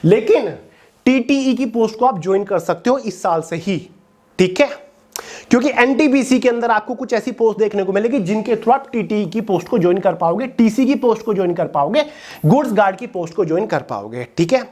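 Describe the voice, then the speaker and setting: A woman's voice: medium pitch, expressive, brisk, a little mellow. Woman, coaching educator, direct explainer who keeps checking that the audience follows. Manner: direct, checks in with listeners often. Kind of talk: explanatory talk to exam aspirants.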